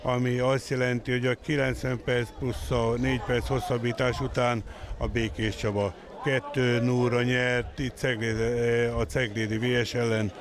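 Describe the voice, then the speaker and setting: A man's voice: mid-range voice, flat delivery. A man giving live football match commentary. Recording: loud crowd at outdoor match. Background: match crowd outdoors.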